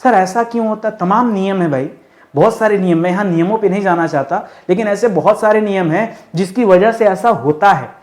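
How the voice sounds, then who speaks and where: A man's voice: high-pitched, brisk, a little mellow. A male teacher giving an exam-prep lesson, asking the class questions and answering them himself in a firm, correcting way. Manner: addresses students as friends, firm corrective tone. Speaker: Hindi teacher.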